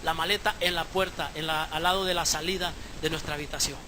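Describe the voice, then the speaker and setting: A man preaching a sermon as pastor, moving from hushed storytelling to shouted exhortation. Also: fairly high pitch, fairly even intonation, fast talker, noisy background. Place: church service, live stream.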